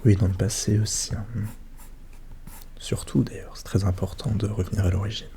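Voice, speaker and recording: A man doing a soft-spoken, whispered role-play as a psychologist, questioning gently and attentively in a hushed voice that drifts into whispers. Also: fairly low pitch, fairly even intonation, moderate pace. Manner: gentle, attentive questioning with short murmured acknowledgements. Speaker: ASMR performer role-playing a psychologist.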